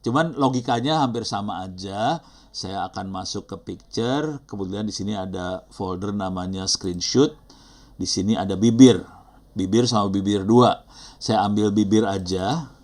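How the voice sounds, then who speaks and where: A man's voice: on the low side, normal speed, a little mellow. Chatty apologetic Indonesian-accented male teacher. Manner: chatty, apologetic, thinks aloud with fillers. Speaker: instructor. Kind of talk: live online teaching session.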